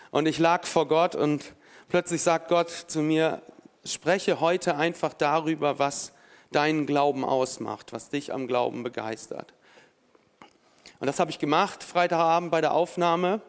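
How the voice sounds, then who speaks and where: A man's voice: on the high side, long reverb tail. A man preaching a sermon from a church stage, talking casually with many fillers and restarts and reading a scripture passage aloud. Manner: conversational, with frequent fillers and restarts.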